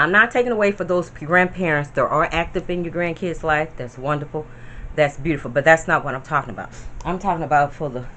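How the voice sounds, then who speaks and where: A low-pitched, sharp-toned grandmother vlogger in her fifties chats from home with slight background noise. She rambles casually and addresses her viewers head-on.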